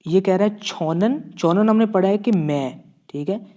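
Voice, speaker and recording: With a warm, high-sitting voice and a moderate pace, a Pakistani man with an Urdu accent gives a classroom-style Korean vocabulary lesson. He checks in often and patiently repeats every word.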